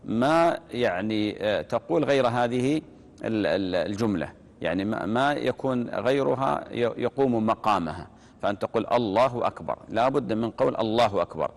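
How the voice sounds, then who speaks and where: A man giving religious instruction on prayer, repeating key phrases and demonstrating them slowly. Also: mid-range voice, expressive, gravelly. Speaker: religious teacher. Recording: long reverb.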